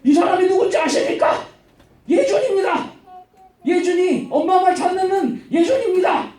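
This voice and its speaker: A man voicing a possessed slave girl who keeps shouting announcements after two travellers, in a Sunday-school sermon. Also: extremely high pitch, animated, moderate pace, voice pushed up. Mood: shrill proclaiming. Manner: shouting, insistent proclaiming. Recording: roomy church hall, voice from afar.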